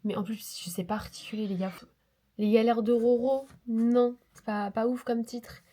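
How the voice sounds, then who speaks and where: A woman's voice: mid-range voice, steady tone, moderate pace, dark tone. A woman vlogger with a cold, talking in a nasal voice, chatting casually and rambling with self-mocking asides. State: sick with a cold. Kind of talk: casual vlog chat. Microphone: lapel mic into phone.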